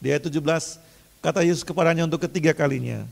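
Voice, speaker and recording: A man preaching a sermon in a casual, conversational way, mixing in English phrases and building to loud, emphatic runs. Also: a little high, fast, gravelly. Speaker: pastor. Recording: long hall reverb.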